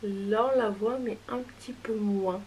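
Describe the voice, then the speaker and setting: A young woman with a medium-pitched voice chats through a makeup test. She is hesitant at times and reassuring. A faint hiss sits under the recording. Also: steady tone, unhurried, a little mellow, rough recording. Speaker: beauty vlogger. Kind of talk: casual makeup review.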